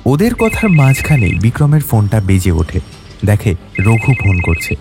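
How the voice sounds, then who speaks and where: A man narrating a detective audio story in a steady storytelling manner. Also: fairly low pitch, moderate pace, loud music behind the voice.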